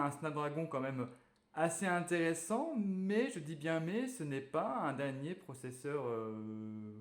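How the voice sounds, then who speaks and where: A man talks slowly through an unboxing, casual and relaxed, stopping often for fillers as he goes. His voice sits mid-range and sounds roomy, as if he is in an echoey space. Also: mid-range voice. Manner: hesitant, many fillers, relaxed and chatty. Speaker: tech reviewer unboxing a phone. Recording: echoey room.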